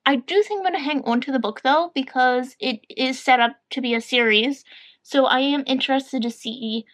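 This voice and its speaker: A woman with a bright, high-pitched voice chats casually to camera as a book vlogger. She is upbeat and talkative, and she wanders through her thoughts with plenty of fillers. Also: normal speed. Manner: chatty and upbeat, rambling with fillers. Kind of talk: casual chat.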